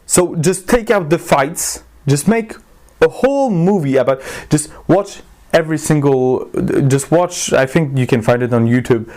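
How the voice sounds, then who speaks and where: A YouTube film reviewer and channel host gives his viewers a casual movie review, rambling informally and frequently interrupting himself. His voice sits on the high side, expressive and a little slow, with a darkish tone.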